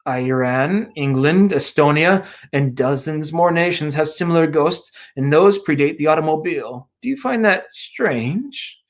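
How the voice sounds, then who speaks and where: A man reading aloud, voicing a mysterious male stranger who speaks slowly and insinuatingly in a horror story. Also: on the high side, animated. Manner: slow, drawn-out, hissing delivery.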